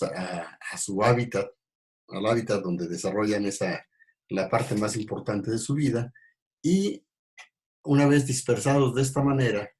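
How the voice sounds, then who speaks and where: A man gives an ecology lecture in a fairly low voice. He talks in halting stretches, full of fillers and restarts. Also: darkish tone. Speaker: ecology teacher. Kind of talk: recorded class lecture.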